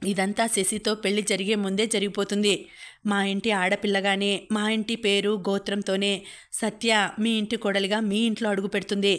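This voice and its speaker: A woman's voice: mid-range voice, level tone, moderate pace, close to an everyday voice. A woman reading the part of a fiery, protective young man who scolds his elders. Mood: determined.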